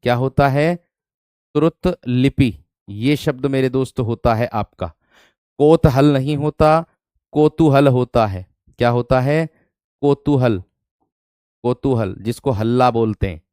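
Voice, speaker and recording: A man teaching an online spelling class in a smooth, resonant voice. He repeats each word and quizzes his students with rhetorical questions. The recording is dry and close, with no room sound. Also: mid-range voice, unhurried, darkish tone, no echo. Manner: repeats words, asks rhetorical questions, calls listeners "my friend".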